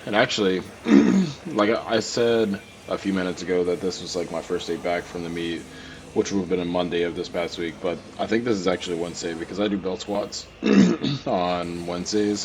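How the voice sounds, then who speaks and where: A young powerlifter with a very low, darkish voice does casual voice-over narration of his training footage while recovering from a cold. Stuffy and congested, he keeps clearing his throat and rambles from point to point with lots of fillers and restarts. A faint hiss runs under the recording.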